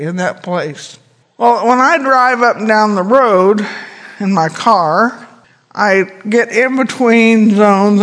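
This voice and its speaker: A man with a notably high voice delivers a sermon from the pulpit, chatty and folksy rather than grand. He slips in self-deprecating jokes between his points. His words ring out with a long echo through a large church. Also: a bit bright. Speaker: pastor.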